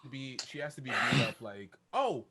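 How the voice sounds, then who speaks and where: A man's voice: mid-range voice, big pitch swings, moderate pace, crowd noise. A man co-hosting a podcast, chatting casually in a laid-back, joking way. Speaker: podcast co-host. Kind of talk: casual chat.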